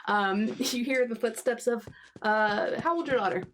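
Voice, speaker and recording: A woman's voice: a little high, normal speed, slight background noise. A woman narrating as game master of a tabletop game, loose and conversational.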